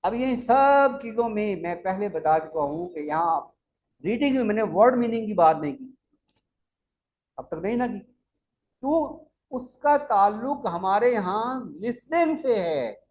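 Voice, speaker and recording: A man lectures teachers on how to teach reading. He explains in a measured, repetitive way and stops to correct himself. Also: high-pitched, animated, darkish tone. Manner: explanatory, repeats steps, corrects himself with "sorry". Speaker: teacher trainer.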